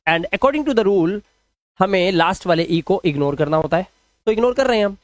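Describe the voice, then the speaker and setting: Slow, patient man teaching phonics. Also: high-pitched, lively intonation, no echo. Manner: drills words slowly, repeating sounds. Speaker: English teacher. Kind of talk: phonics lesson explained in Hindi.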